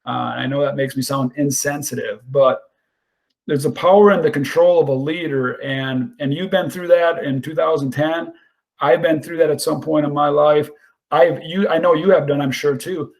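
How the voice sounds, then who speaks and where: Gravelly-voiced man hosting a podcast. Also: on the high side, fairly even intonation, moderate pace, darkish tone. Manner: earnest, restarts often, repeats words. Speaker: podcast host. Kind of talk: casual podcast conversation.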